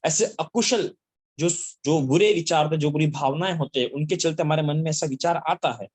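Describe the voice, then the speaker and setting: A man telling a Buddhist Jataka story and its lesson to children, speaking haltingly with many fillers and restarts. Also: a little high, darkish tone, dry recording. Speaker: Buddhist teacher.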